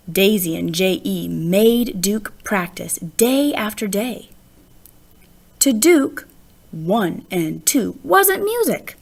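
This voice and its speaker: A woman with a medium-pitched, gravelly voice reads a children's picture book aloud. She narrates expressively, with deliberate phrasing and stressed words.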